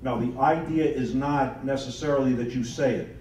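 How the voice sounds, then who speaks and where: A man's voice: medium pitch, fairly even intonation, normal speed, a little mellow, slight background noise. Enthusiastic man speaking far off in a roomy hall. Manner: enthusiastic, emphatic, boastful-but-folksy. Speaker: author and seminar speaker. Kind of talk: seminar talk with audience questions. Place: seminar room with audience. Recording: roomy echo, distant from the mic.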